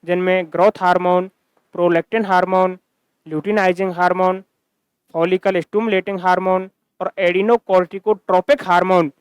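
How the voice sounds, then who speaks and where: A man's voice: high-pitched, flat delivery, moderate pace, clear, resonant tone, no room sound. A man teaching a science lecture, repeating key terms and asking and answering his own questions. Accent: Hindi-speaking Rajasthan region. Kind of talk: recorded classroom-style lecture.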